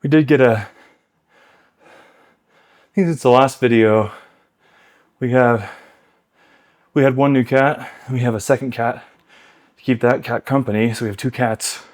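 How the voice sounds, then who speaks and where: A man's voice: mid-range voice, steady tone, measured pace, pauses often, darkish tone. Breathless man coaching on a bike. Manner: chatty, loose, rambling between cues. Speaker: workout host. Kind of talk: casual coaching while cycling. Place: home exercise bike.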